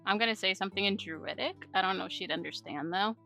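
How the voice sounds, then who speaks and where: A woman's voice: mid-range voice, fast talker, creaky, bright, forceful tone, soft background music. A woman playing a tabletop game, casually voicing and describing what her character says.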